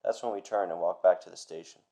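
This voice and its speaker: A man's voice: low voice, fast, vocal fry, dark tone. A man playing a tough, grim storyteller recounting something menacing in a film. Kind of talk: dramatic storytelling monologue.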